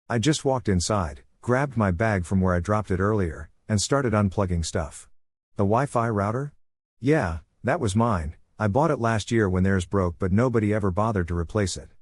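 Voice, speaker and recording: A man narrating a first-person story in a steady, even way with dry asides. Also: lowish voice, no echo.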